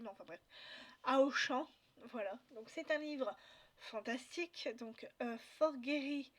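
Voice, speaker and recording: A woman chatting casually about books she bought, hesitant with many fillers and restarts. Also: on the high side. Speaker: book vlogger. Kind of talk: casual book haul chat.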